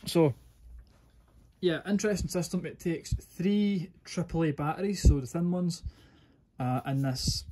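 A man's voice: fairly high pitch, unhurried, warm tone. A man giving a casual hands-on product review in an informal, rambling way, often correcting himself. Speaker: gear reviewer.

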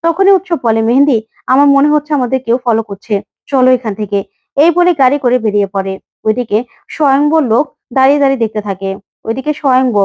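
A woman's voice: high voice, darkish tone. A woman retelling a TV serial episode, voicing each character's lines in her own voice.

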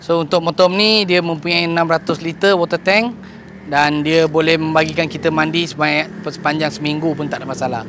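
A man's voice: a little high, fairly even intonation, brisk, background noise. A man in his thirties with a Malaysian Malay accent, casually walking through a motorhome and explaining its features, slipping English words into his speech. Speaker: motorhome dealer giving a tour. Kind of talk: walkthrough tour vlog. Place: outdoors by a bus, then inside the motorhome. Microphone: lapel mic.

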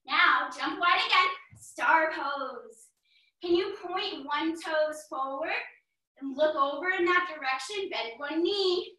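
Kids yoga teacher lady, really high bright voice, slow cues, echoey room and she's far from the mic. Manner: upbeat, encouraging, sing-song cues. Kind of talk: guiding a children's yoga class.

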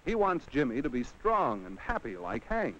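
With a medium-pitched, somewhat bright voice that swoops wildly in pitch, an American man narrates at a moderate pace in the manner of a 1950s educational film. He addresses the child on screen directly, asking rhetorical questions. The audio is a dull vintage 1950 film soundtrack with a faint hiss or hum.

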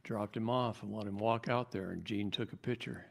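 A man giving a live seminar talk to an audience, animated and jokey, his voice climbing high when he gets worked up. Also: normal speed, gravelly. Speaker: seminar speaker.

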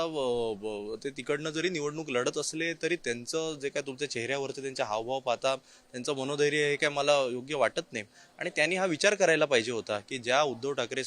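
Man, politician soundbite, firm and critical, mid-pitched voice. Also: a bit bright. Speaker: opposition politician. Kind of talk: news reaction soundbite.

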